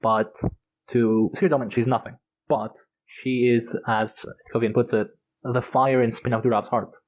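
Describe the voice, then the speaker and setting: A man's voice: mid-range voice, fairly even intonation, moderate pace, rough recording. Enthusiastic rambling man discussing books. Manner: rambling and enthusiastic, with frequent fillers and swearing. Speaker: podcast co-host. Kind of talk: casual book discussion.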